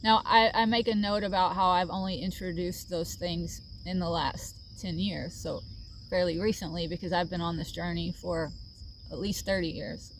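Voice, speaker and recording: A woman's voice: fairly low pitch, fairly even intonation, normal speed, slight background noise. Middle-aged woman, casual vlog monologue, earnest and reflective, faint crickets behind her. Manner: earnest, reflective, with frequent fillers and soft laughs. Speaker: vlogger sharing a healing journey. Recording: faint outdoor ambience with crickets.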